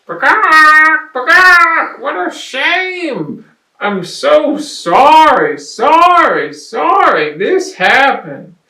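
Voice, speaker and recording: A man's voice: extremely high pitch, big pitch swings, drawn-out words, sharp tone, pitched above the performer's own voice, heavily acted. Man doing a squawking fretful chicken. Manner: squawky, repeats words. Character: fussy anxious chicken, high and squawking. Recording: roomy, distant mic, faint noise.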